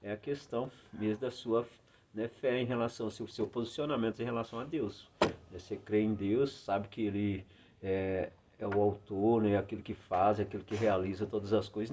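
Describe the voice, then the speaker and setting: A man's voice: fairly low pitch, steady tone, moderate pace, a little mellow. A middle-aged man, a guest in a casual chat, talking earnestly about faith and filling his speech with "né". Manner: earnest, full of "né" fillers. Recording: dull lo-fi sound with faint noise.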